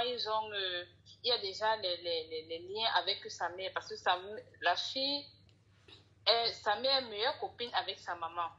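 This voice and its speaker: A woman's voice: mid-range voice, sharp tone, slight background noise, low-quality recording. A woman calling in to ask for advice, hesitant and restarting often. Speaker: caller. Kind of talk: asking advice on a call-in show.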